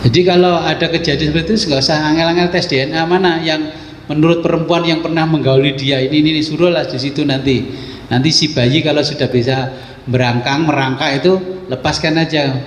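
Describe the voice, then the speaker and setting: A man's voice: on the high side, steady tone, a little fast, a little hiss or hum. A man teaching a religious kitab study, explaining in a casual, folksy way with rhetorical questions. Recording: echoey hall with faint ambience.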